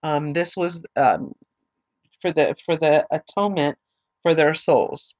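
Losing her voice to allergies, a woman leads a Bible study, slowly reading scripture aloud, adding brief explanations, and spelling names out letter by letter. Her voice is low-pitched and a little mellow.

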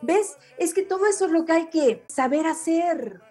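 A woman's voice: extremely high pitch, expressive, moderate pace, mellow. A woman with a Mexican accent hosting a radio interview, effusive and affectionate, full of exclamations. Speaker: radio show host.

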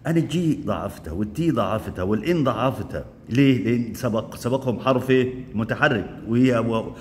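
A man teaching English grammar in Egyptian Arabic. He asks quick questions and answers them himself, and he drills the word forms aloud. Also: mid-range voice, expressive, in a large hall, a little hiss or hum. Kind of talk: classroom grammar lesson.

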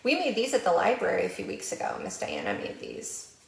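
American woman, library storytime host, sing-song and playful, slight vocal fry, echoey room. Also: lowish voice, huge pitch swings, a little fast, a little hiss or hum. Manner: playful sing-song when reading, with animal sounds. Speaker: children's librarian. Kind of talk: storytime reading and early literacy tips.

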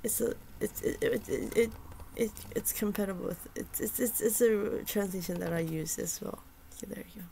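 A soft-spoken woman chatting casually about a poem and its translation. She talks hesitantly, with many fillers and restarts, and often drops to a near whisper. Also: mid-range voice, normal speed, gravelly, few pauses, a little hiss or hum, low-quality recording.

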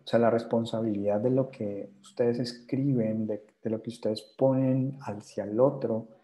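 A man with a Colombian accent lecturing a class of students. His voice is very dark and mellow at a middle pitch, and he repeats himself for emphasis, pausing to ask whether everyone follows. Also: poor audio. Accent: Colombian Spanish. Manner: insistent, repeats points, asks "¿sí?" and "¿vale?" to check understanding. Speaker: university lecturer.

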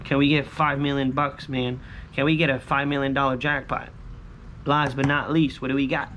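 The speaker is a man in his thirties hosting a scratch-off video, his mid-range voice showing little pitch movement, a fairly bright tone and normal speed. He chats informally to viewers in short, repetitive phrases while scratching tickets outdoors on a covered patio next to a pool, amid clear ambient background noise.

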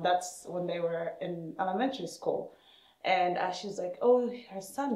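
A woman from Somalia telling her personal story in an interview, animated, acting out other people's words in a higher voice. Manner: animated, acts out quoted speech with rising pitch. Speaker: interviewee, hockey parent and player. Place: indoors in a room with equipment shelves. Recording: roomy, echoey indoor sound.

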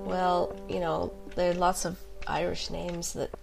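A woman playing a game on a live stream, her voice showing a gravelly, creaky texture. She talks in a dry, sarcastic way and curses when the game turns against her. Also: fairly low pitch, flat delivery, a little slow, loud music behind the voice. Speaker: let's play streamer. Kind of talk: casual gameplay chat.

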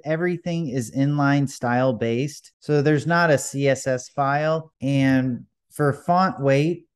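A man's voice: medium pitch, clean tone. Casual man explaining code, filler-heavy. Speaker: developer tutorial host. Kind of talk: screen-recorded coding tutorial. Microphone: voice-over on a desktop screen recording.

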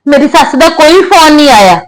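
Young actress as high-pitched Punjabi daughter, tearful and pleading, then reproachful. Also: female voice, lively intonation, a little fast, crowd noise, rough recording.

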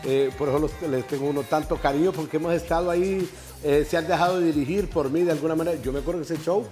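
Chatty, effusive TV host. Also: male voice, fairly high pitch, fast, a little mellow, soft background music. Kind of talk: casual chat interview. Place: TV set in a betting lounge.

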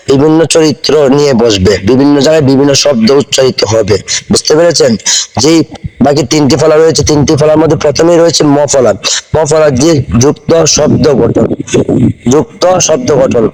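A man giving a slow spelling lesson, repeating each word and asking if the viewer understood. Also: on the high side. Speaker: teacher. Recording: long hall reverb.

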